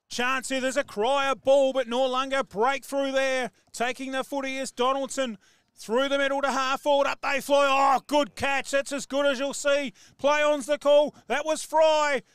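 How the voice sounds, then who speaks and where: An Australian man calling live football play-by-play, excitable and rising to shouts on big plays. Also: very high voice, normal speed, clear, resonant tone, no echo. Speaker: football commentator.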